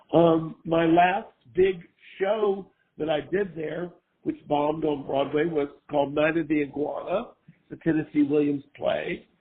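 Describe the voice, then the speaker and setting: Hoarse older man on a phone line. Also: fairly high pitch. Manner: rambling, full of fillers and restarts. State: hoarse from a cold. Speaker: guest, former costume maker. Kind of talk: casual interview chat. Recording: tinny phone-line sound.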